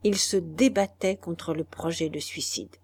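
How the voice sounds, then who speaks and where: A woman narrating a literary audiobook in a measured, calm storytelling voice. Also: on the low side, gravelly, husky.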